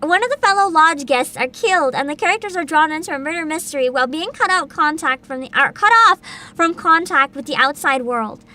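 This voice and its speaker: Talking a little fast in a high, bright voice with a forceful edge, this young VTuber keeps up casual chat with her stream audience. She giggles frequently and reads out game descriptions.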